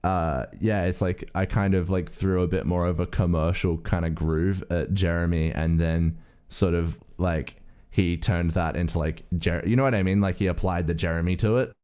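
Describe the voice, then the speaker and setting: A man's voice: low-pitched, steady tone, normal speed, warm tone, smooth. A tired man rambling in a casual interview, full of fillers, restarts and swearing. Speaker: band member. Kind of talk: casual chat.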